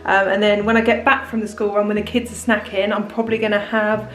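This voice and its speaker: Speaking quickly and with a flat delivery, this medium-pitched thirty-something British woman laughs easily while chatting candidly in her casual kitchen food vlog. She works as a diet plan consultant and vlogger, and her rough recording has an echoey room and faint background music.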